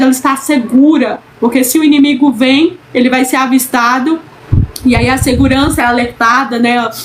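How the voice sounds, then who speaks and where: A woman's voice: sits high, a little hiss or hum, poor audio. A woman teaching a Bible study in an earnest, repetitive way, often checking in with "né?". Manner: earnest, repeats phrases, frequent "né?".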